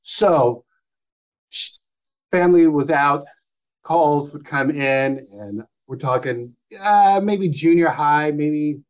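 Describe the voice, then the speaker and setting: Speaking slowly in a fairly high voice, a middle-aged man shares a personal story as a guest in an interview. His telling is loose and rambling, with old phone calls reenacted in different voices, and the recording is slightly dull lo-fi.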